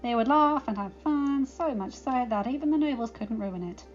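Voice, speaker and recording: A woman reading a fan fiction story aloud as an audiobook narrator, in an expressive storytelling manner. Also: fairly high pitch, moderate pace. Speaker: audiobook reader. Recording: slightly dull lo-fi recording, faint music.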